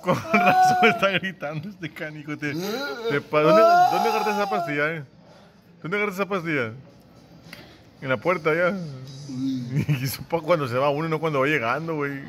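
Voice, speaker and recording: A man's voice: fairly high pitch, expressive, normal speed, heavy background noise. A man with a Mexican accent teasing a friend in casual chat at a seafood restaurant, laughing often. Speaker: vlogger filming a friend.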